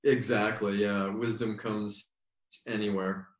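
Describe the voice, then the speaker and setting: A man who is a yoga teacher and guest, telling stories in a thoughtful, unhurried way with many pauses. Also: fairly low pitch, level tone. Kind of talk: relaxed storytelling in conversation. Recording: roomy echo.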